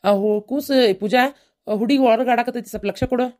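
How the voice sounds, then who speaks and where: A woman voicing caring village relatives in a cartoon, with a North Karnataka Kannada accent and a brisk, reassuring manner. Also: a little high, dark tone, lightly acted. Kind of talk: cartoon voice acting.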